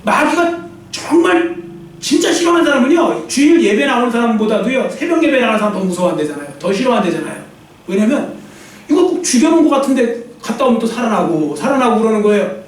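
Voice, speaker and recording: A man with a high voice preaches to a congregation, pressing his points hard and slipping into the voices of troubled people. He sounds far from the mic, caught in a very echoey church hall. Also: lively intonation, fast talker, slight background noise. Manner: emphatic, acts out quoted inner voices. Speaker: pastor. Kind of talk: sermon. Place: church sanctuary.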